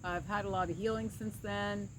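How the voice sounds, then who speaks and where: A middle-aged woman with an average-pitched voice speaks in a casual, reflective vlog style. Her words are slightly slurred, as though one side of her mouth were numb. She is outdoors, with clear insect and nature noise around her. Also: steady tone, normal speed. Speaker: vlogger and pastoral counselor. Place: outdoors by a creek. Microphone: camera at a short distance. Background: insects and woodland ambience.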